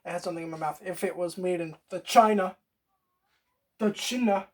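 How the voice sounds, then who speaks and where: A woman's voice: fairly low pitch, brisk. A woman hosting a casual how-to video, rambling, swearing freely and talking straight to the viewer. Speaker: DIY video host.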